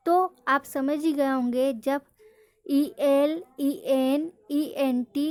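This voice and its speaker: Slow, high-voiced woman teaching. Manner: slow, drilling, asks questions then answers them. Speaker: English pronunciation teacher. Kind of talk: classroom-style lesson.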